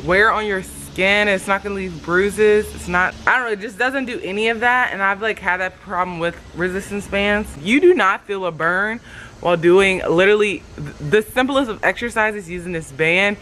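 A young woman vlogging casually about a fitness product, chatty and full of slang as she talks straight to her viewers. Her voice is bright and forceful at a middling pitch, with a faint hiss of noise underneath. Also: normal speed, low-quality recording. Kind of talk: casual product-review vlog.

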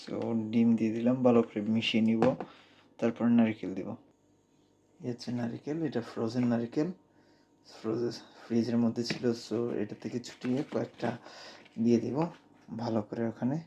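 A man with a Sylheti Bengali accent speaking softly in a casual home cooking vlog, his voice cracking from a cold. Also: medium pitch, flat delivery, moderate pace, pauses often, dull audio, a little hiss or hum. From Bangladesh. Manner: speaks softly, hushed at night. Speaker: cooking vlogger. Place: home kitchen abroad.

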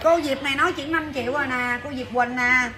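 Woman, bright voice, brisk chatty livestream seller, faint background noise. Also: sits high, steady tone. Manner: chatty, brisk, calls out to viewers. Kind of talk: fast livestream sales patter.

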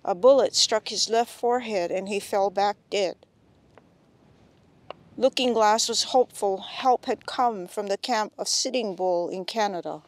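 A woman from Hawaii calmly reads a scripted historical narration. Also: medium pitch, a little slow. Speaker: narrator and co-host.

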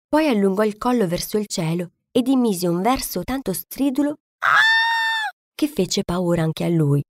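A woman from Italy tells a classic fairy tale for children, her pitch rising and falling with the story. She is recorded close with no room sound. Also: no echo. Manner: expressive, gentle storytelling.

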